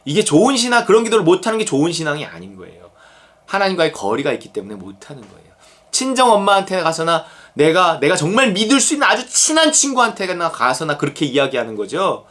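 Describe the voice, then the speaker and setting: A middle-aged male pastor preaches in a conversational, animated way, often slipping into acted-out prayers. His voice sits high for a man and swings widely in pitch. The tone stays informal, like talking to a congregation he knows well. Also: quick pace. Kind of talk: sermon.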